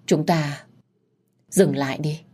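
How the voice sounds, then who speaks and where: A woman voicing a gentle, caring young man in an audiobook story, speaking in a soothing way. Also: on the low side, normal speed, slightly rough. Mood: resigned.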